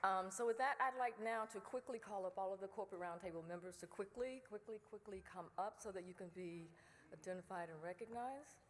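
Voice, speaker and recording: A woman presenting an award and briskly calling members to the stage at a luncheon. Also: medium pitch, in a large hall. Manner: brisk, hurried announcements. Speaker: event presenter. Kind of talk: formal presentation. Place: hotel banquet room. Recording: noisy event recording.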